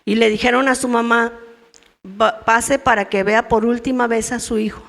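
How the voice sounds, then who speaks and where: A woman's voice: a little high, steady tone, moderate pace, creaky, fairly bright tone. A middle-aged woman teaching a women's church meeting in a conversational way, often asking her listeners questions. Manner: conversational, asks the audience questions. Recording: long reverb of a church hall.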